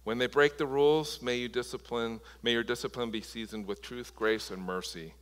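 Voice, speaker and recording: A man's voice: medium pitch, fairly even intonation, moderate pace, a bit bright. A man preaching a sermon as pastor, impassioned, often restarting and repeating words. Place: church sanctuary. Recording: long reverb of a large hall.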